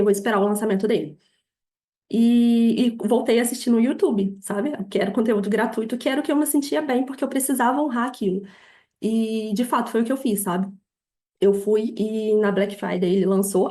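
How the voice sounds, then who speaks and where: A young adult woman with a Brazilian Portuguese accent, a podcast guest telling her story in a lively way, laughing often and acting out quoted dialogue. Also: mid-range voice. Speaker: podcast guest, affiliate marketer. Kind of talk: casual interview storytelling.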